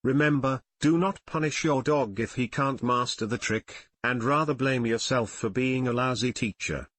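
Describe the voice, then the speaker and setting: A man reading scripted step-by-step instructions in a steady, instructional narration. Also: mid-range voice, normal speed. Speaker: narrator of dog training videos.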